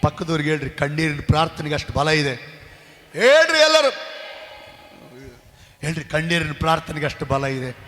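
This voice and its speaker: A man preaches a live sermon in a high, ringing voice. He repeats each phrase and builds to shouted exhortations. The church hall rings with a long echo. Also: very animated, normal speed, long pauses. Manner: repetitive, rising to shouted exhortation. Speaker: pastor.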